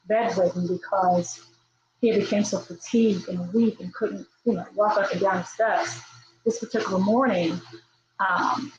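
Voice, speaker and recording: A woman sharing a personal testimony of her loss, retelling it in a measured, earnest way and repeating key phrases. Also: medium pitch. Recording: roomy, dull, noisy recording.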